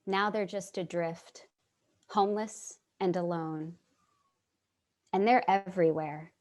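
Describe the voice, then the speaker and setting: Playing a compassionate, casually dressed middle-aged New Yorker raised in Manhattan, a woman delivers a slow, somber monologue in a staged play reading, joining by video call from home. Her fairly low, slightly mellow voice tells the story in a measured, reflective way.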